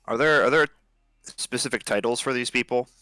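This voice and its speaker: A man's voice: medium pitch, moderate pace, pushed and bright, a little hiss or hum. A man playing in a tabletop game, easygoing, asking questions and tripping over his words. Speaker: player. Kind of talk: casual chat at a tabletop game.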